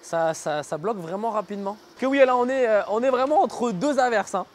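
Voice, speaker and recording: A man with a high-pitched, animated voice talks a little fast as he rides a scooter along city roads outdoors. He's a vlogger reviewing the electric scooter, offering casual, slangy commentary and thinking aloud as he goes.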